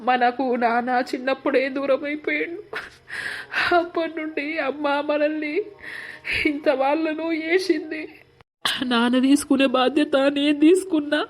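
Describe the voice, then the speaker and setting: A woman's voice: medium pitch, steady tone, a little fast, a bit bright, natural voice. A woman voicing an earnest young son in a cartoon, with a Telangana Telugu accent and a pleading way of talking. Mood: tearful. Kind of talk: animated cartoon voice acting.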